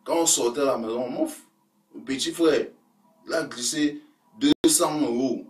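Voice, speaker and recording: A man telling a comic personal story in lively slang, with punchy asides to his listeners. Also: medium pitch, moderate pace, soft background music. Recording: roomy sound from a distant mic.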